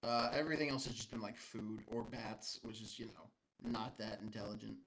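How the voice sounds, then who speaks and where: A man's voice: fairly low pitch, steady tone, fairly quick, fairly bright tone, slightly rough, poor audio. A man running a tabletop game as game master, talking hesitantly with many fillers.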